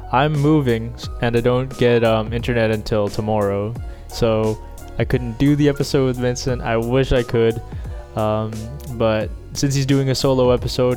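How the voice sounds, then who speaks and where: A young man with a stuffy, nasal voice records a casual, apologetic message with some hesitation. His pitch is mid-range, and a faint guitar plays quietly behind him. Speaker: podcast co-host.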